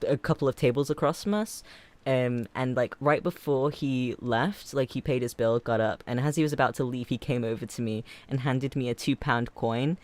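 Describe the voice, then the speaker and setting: A man's voice: mid-range voice, no echo. Chatty rambling young man streaming. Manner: rambling, filler-heavy, frequent laughs, gets louder and faster. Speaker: livestream host. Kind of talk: casual livestream chat.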